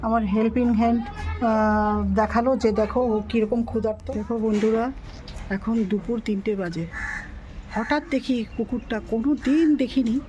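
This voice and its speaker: A woman vlogger with a Bengali accent, talking quietly and gently to her viewers while coaxing a stray dog to eat. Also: on the high side, steady tone, normal speed, rough recording. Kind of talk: casual vlog.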